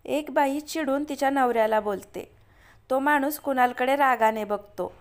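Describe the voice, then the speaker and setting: Woman, story narration, steady, plain reading, high pitch. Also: moderate pace.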